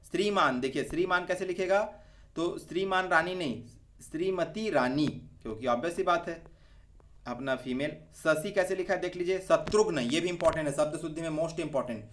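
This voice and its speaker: A man from India teaching an exam-prep spelling lesson, drilling words one by one in a brisk manner. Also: on the high side, fairly bright tone.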